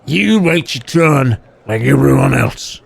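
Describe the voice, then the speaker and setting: Wood golem guard: very gravelly, slow, admonishing game creature. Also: male voice, mid-range voice, lively intonation, heavily acted. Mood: stern. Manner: deliberate, admonishing. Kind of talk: voiced game character on a livestream.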